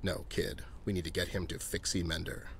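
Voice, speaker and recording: A man's voice: low-pitched, little pitch movement, a little fast, slight background noise. A man voicing a curt, bossy, sardonic teddy bear detective.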